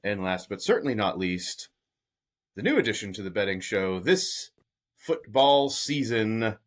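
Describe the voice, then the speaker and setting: Lively low-voiced male podcast host. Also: normal speed. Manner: playful, jokey banter with frequent laughs. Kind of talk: casual sports betting chat.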